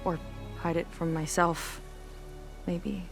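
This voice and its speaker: Seika, blunt guarded young warrior. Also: female voice, lowish voice, flat delivery, slow pace. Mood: grieving, despairing. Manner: blunt, terse, emotionally weighted. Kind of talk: naturalistic cinematic video game acting. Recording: music under the voice.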